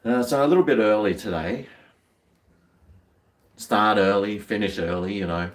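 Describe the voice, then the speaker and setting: Australian man, blokey and slangy, laid-back livestream rambling, fairly low pitch, roomy echo. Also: normal speed. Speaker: livestream host. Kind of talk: casual rambling chat to viewers over a beer. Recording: roomy echo, distant microphone.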